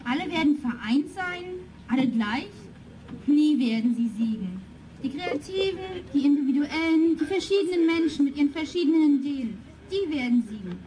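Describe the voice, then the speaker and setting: A high, bright voice belongs to a defiant young orator, played by a woman on stage. She proclaims her lines rapidly and solemnly. The voice carries from a distance, picked up by a mic set well away from the stage. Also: expressive. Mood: proclaiming. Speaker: stage actor. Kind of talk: declamatory stage speech. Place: theatre stage.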